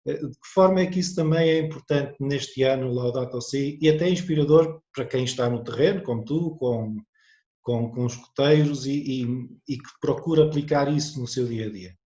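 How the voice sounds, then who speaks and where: A man's voice: medium pitch, moderate pace, mellow. A man hosting an interview, asking questions in a thoughtful, conversational way. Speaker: interview host. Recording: roomy, muffled audio.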